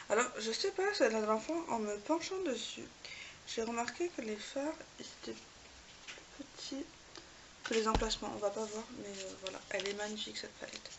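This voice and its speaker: A woman with a fairly high voice chats her way through a casual video, holding her makeup palettes up to the camera with plenty of hesitations and fillers. She is a beauty vlogger, and the background is noisy.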